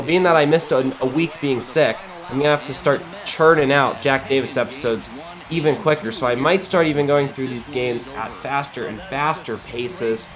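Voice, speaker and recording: An American gaming YouTuber from Ohio hosts his series with casual, rambling, conversational commentary in a medium, slightly bright voice. He's a little sniffly, getting over the flu.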